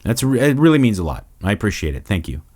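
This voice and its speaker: Profane rambling man, lively voice. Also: on the low side, fast talker. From Los Angeles. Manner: rambling, profane, lots of restarts. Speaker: podcast host. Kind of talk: casual Q&A monologue.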